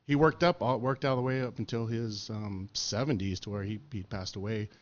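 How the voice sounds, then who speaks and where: A man's voice: lowish voice, fairly even intonation, brisk, muffled recording. Laid-back, profane man on a podcast. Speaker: podcast interviewee. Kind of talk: casual storytelling chat.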